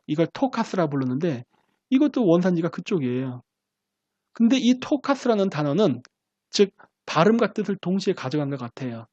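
Male lecturer and host, animated pitch, self-answered questions, dry dull lo-fi sound. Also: no echo. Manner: poses rhetorical questions and answers them himself.

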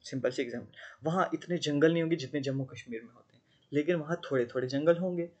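A man's voice: a little high, fast, a little mellow, breathy edge, highs cut off. Man teaching a lesson. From Jammu and Kashmir. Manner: conversational Hindi teaching with English terms, frequent checking questions. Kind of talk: exam-prep lecture.

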